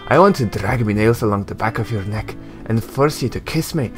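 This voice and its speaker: A man voicing a sharp-tongued young tiefling woman in a game, mocking and teasing as he reads her lines. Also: on the low side, animated, fairly quick, faint music behind, natural voice.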